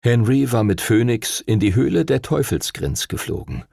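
A man narrating an audiobook in a calm, measured storytelling manner. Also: mid-range voice, vocal fry, no room sound, studio quality. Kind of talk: scripted narration.

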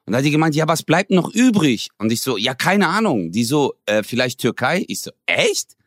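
A man in his forties from Germany, co-hosting a podcast and telling a story in a lively, slangy way, acting out the dialogue. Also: mid-range voice, normal speed, dry recording, studio quality. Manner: animated, slangy, acts out quoted dialogue. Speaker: podcast co-host. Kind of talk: casual storytelling chat.

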